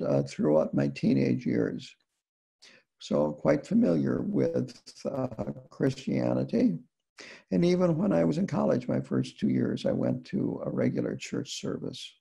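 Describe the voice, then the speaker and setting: A man from the United States giving a dharma talk as a Buddhist teacher, unhurried and deliberate, with frequent pauses. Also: mid-range voice, gravelly, warm tone, husky.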